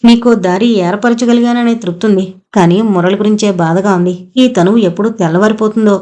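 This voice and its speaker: A woman voicing a frail, ailing older mother who speaks softly and tenderly, in a storybook reading. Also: mid-range voice, steady tone, brisk, lightly acted. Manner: soft, tired and tender.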